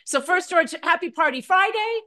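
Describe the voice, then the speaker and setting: A woman's voice: extremely high pitch, animated, normal speed, sharp tone. A woman co-hosting a talk radio show, laughing easily and pressing her guest with pointed questions. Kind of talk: casual talk radio interview.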